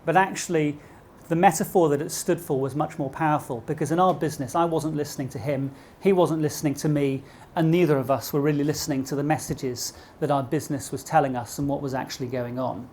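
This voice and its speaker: A man's voice: a little high, fairly even intonation, fast, darkish tone, a little hiss or hum. A middle-aged man with a posh British accent gives a motivational business talk to a live audience, engaging listeners with rhetorical questions. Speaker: keynote speaker. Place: speaking live at an event before an audience.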